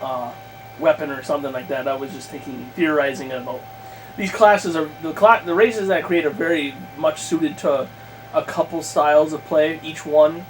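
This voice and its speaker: This podcast guest, working out a tabletop campaign, has a slightly high voice and a steady tone at a moderate pace. He chats casually and rambles, circling back mid-sentence as he thinks aloud, over a rough recording full of audible noise and hum.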